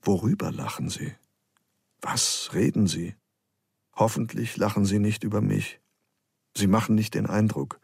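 A man's voice: fairly low pitch, fairly even intonation, a little slow, gravelly, pauses often, darkish tone, breathy edge, no echo, clean studio sound, full character voice. A man reading the inner thoughts of a weary, brooding traveler in a storybook.

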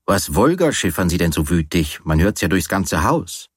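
A man's voice: deep voice, very animated, moderate pace, husky, dry recording, clean studio sound, exaggerated voice. A man doing a weary, sardonic sick man. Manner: gloomy, sardonic.

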